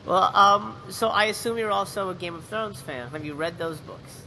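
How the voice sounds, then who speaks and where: A man's voice: high voice, slight background noise, poor audio. A man hosting an interview podcast, chatting enthusiastically and often restarting his sentences. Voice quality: animated storyteller. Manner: halting and enthusiastic, many restarts. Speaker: podcast host. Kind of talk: casual interview chat.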